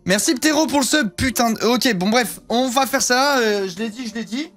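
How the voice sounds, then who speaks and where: A man in his thirties streams casually, showing off his purchases while rambling with lots of fillers, crude slang and free swearing. His voice is very high-pitched and fairly bright, at a moderate pace, with faint music in the background.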